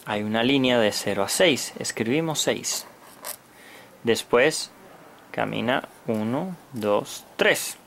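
A man's voice: medium pitch, lively intonation, slow, vocal fry, a bit bright. A man giving a step-by-step children's math lesson like a kids show host, in simple short phrases, as a teacher. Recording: noticeable background noise.

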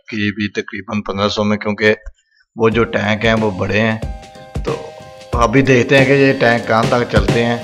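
A man's voice: lowish voice, fairly bright tone. Chatty young man narrating from a motorbike. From Pakistan. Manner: chatty, talks to viewers while riding. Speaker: travel vlogger. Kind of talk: casual travel vlog narration. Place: outdoors on a motorbike on a highway.

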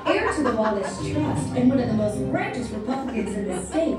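A woman's voice: a little high, lively intonation, brisk, distant mic, natural voice. A performer playing an overblown male TV news anchor on a theater stage. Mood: pompous. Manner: overblown newscaster delivery. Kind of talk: stage musical acting. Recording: echoey live stage with crowd and music.

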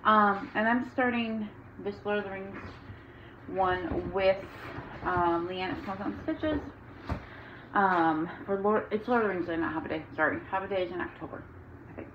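A woman's voice: mid-range voice, a little slow, muffled recording, slight background noise. A tired, out-of-breath young woman chatting casually to camera about her cross-stitch projects, rambling with many ums. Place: home room with windows open.

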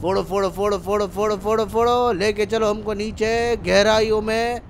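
A young man commentating gameplay excitedly, full of loud exclamations. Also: high-pitched, normal speed, slight background noise. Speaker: gaming channel host.

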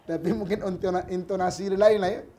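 A man's voice: high voice, steady tone, fast talker, warm tone. A man with a Malaysian Malay accent preaching a sermon, telling stories, acting out the dialogue and speaking straight to his listeners. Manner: storytelling, acts out dialogue, addresses audience directly. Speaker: religious preacher.

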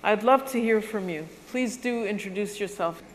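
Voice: mid-range voice, normal speed, a little hiss or hum. A moderator guiding a panel with engaged, prompting questions. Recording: hall reverb with faint ambience.

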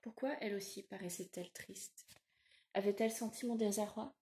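A woman narrating a literary audiobook in a measured, reflective way. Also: medium pitch, steady tone, warm tone.

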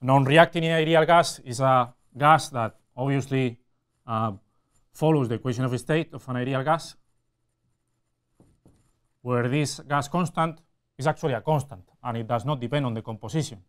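Clear-voiced man lecturing, halting and explanatory. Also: medium pitch. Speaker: university lecturer. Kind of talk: technical lecture at a whiteboard with slides. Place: indoor classroom or studio with whiteboard.

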